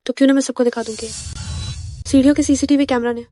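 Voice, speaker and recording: A woman dubbing a wronged young woman who calmly and coldly accuses her rival. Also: sits high, faint music behind, close to an everyday voice. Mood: defiant. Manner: cool, measured, accusing. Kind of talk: dubbed drama acting.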